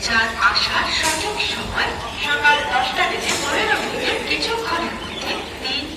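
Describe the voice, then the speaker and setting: Woman announcing over a station loudspeaker. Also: expressive. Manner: measured, clipped, word-by-word announcing. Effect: station loudspeaker public address. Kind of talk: formal train announcement. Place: railway platform. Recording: booming echo from distant station loudspeakers. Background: loud station noise.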